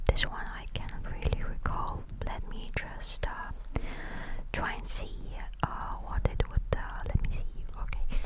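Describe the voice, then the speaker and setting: A woman's voice: medium pitch, low-quality recording. A woman whispering through an ASMR show-and-tell of a camera, hesitant and often searching for the right word. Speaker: ASMR host.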